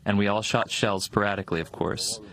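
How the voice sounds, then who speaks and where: A man's voice, electronically disguised and sitting fairly low, delivers a recorded soldier's testimony. He recounts everything in a steady, matter-of-fact way. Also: brisk, rough recording.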